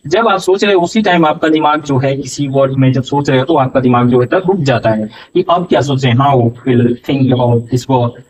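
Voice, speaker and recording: Male teacher, slightly high voice, very slow deliberate pace, mic set back at a distance. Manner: slow, drawn-out dictation of English words; switches between Hindi and halting English. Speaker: English teacher. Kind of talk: spoken English lesson.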